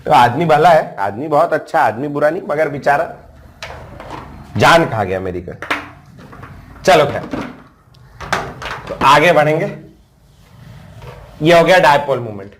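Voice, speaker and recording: A man, a chemistry tutor telling a lively story in the middle of a lecture, his voice jumping higher when he gets exasperated. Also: unhurried, long pauses, slight background noise.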